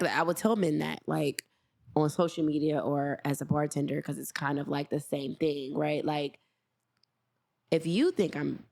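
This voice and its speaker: A woman's voice: sits low, vocal fry. Frank, opinionated woman podcast co-host. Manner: frank and opinionated, mimics other people's lines. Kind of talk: casual chat.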